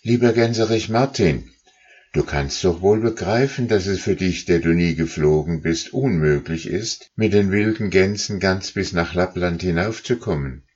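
A man voicing a small farm boy who gently pleads with his companion to turn back. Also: low-pitched, moderate pace, slightly rough, muffled recording, voice pushed up. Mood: coaxing. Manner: pleading, coaxing.

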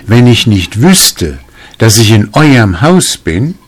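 A man's voice: lowish voice, sing-song, takes it slowly, husky, pitched above the performer's own voice, full character voice. A man voicing a simple, trusting farmer who is confused and earnestly pleading, in a read-aloud folk tale. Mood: bewildered.

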